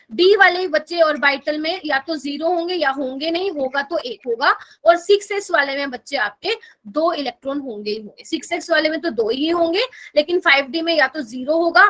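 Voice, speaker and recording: A woman with a high voice teaches a chemistry lesson online. She speaks with a Hindi accent. She walks through each step and keeps asking her students whether they are following. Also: fairly bright tone. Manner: explains step by step, asks students to confirm with "okay?". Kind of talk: online class lecture.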